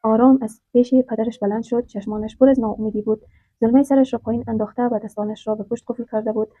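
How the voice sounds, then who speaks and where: A woman narrating a dramatic story in a steady storytelling manner. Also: fairly high pitch, slightly rough, dry recording. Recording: dry, tinny phone-like sound.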